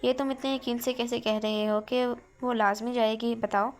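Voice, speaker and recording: A woman's voice: a little high, flat delivery, normal speed, natural voice. A woman voicing a middle-aged mother in a read-aloud novel, speaking in a doubtful, scolding way.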